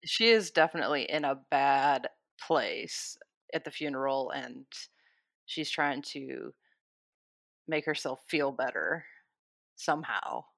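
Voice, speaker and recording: Low-pitched woman, casual recap co-host, enthusiastic and guiding the talk, dry sound. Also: slow, gravelly, a bit bright, no echo. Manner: enthusiastic, steers the discussion.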